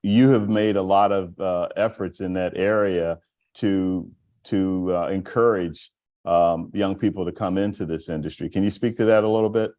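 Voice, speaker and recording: Very deep-voiced male panel host. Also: steady tone, moderate pace, a little mellow. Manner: encouraging, repeats words while framing questions. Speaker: host, moderator. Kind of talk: panel moderation.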